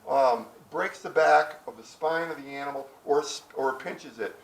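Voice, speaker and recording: A middle-aged man with a mid-range voice talks at a moderate pace, presenting to a small group of listeners at an outdoor historic site. His talk is casual, rambling and folksy, full of restarts and asides. The mic sits at a distance, so the sound is roomy with background noise.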